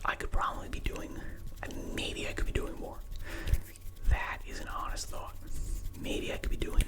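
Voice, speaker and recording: An ASMR creator whispering quickly in a candid, reflective ramble, entirely without voicing. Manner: fast, unvoiced whispering throughout.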